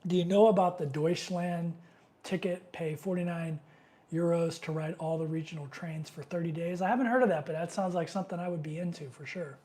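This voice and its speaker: Speaking fairly quickly in a steady, dark tone, this middle-aged man has a voice on the high side. He has a cold and sniffles as he hosts a casual live Q&A stream. He rambles loosely with many fillers and reads comments from viewers aloud.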